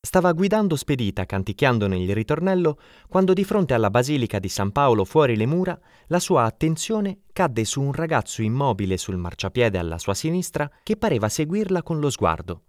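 Man with a lively narrating voice. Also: mid-range voice, no echo, studio quality. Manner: expressive, dramatic reading. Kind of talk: audiobook narration.

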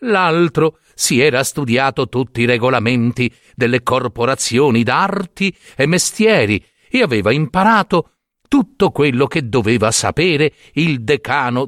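A man narrating a fairy tale aloud in an expressive storytelling manner. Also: medium pitch, no echo, studio quality.

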